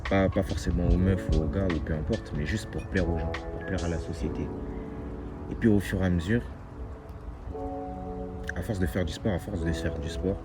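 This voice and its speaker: A man's voice: low voice, fairly even intonation, moderate pace, pauses often. A twenty-year-old man giving a casual motivational monologue as a vlogger, earnest and repeating his key phrases. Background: loud music.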